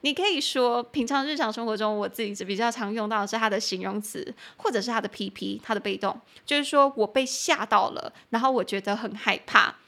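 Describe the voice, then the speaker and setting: A young woman with a bright, clear voice pitched a little high, teaching English on her podcast. She chats along in Mandarin, drops into English for example phrases, and slows down to spell words out letter by letter. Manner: chatty, switches between Mandarin and English, spells words out slowly. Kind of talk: bilingual language lesson.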